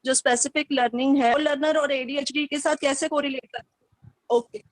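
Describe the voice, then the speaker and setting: A woman's voice: high-pitched, steady tone, normal speed, no echo. A woman asking a question over an online call whose audio keeps breaking up, and politely checking whether she can be heard.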